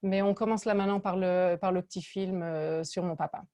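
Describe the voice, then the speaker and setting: A woman's voice: lowish voice, steady tone, a little fast, warm tone. A middle-aged woman introducing an event to an audience, hesitant with many fillers and restarts. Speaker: event presenter.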